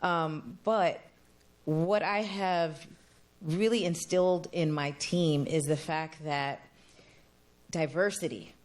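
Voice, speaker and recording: Deep-voiced woman, earnest panel speaker. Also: takes it slowly. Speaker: panelist, team leader. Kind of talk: panel discussion.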